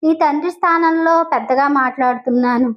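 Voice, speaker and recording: A woman playing a stern older businessman who acts as a father figure, speaking in measured, pleading appeals, on a dull lo-fi recording. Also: high voice, natural voice. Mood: earnest.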